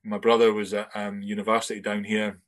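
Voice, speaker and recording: A Scottish man in his forties, his accent carrying some English traces, tells his life story as a podcast guest in a rambling, chatty interview. His voice is on the low side, monotone and a little fast.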